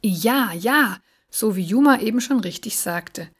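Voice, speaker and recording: A woman voicing a gentle, wise animal friend in a storybook reading, explaining calmly and patiently. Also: mid-range voice, unhurried, slightly rough. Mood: patient, warm.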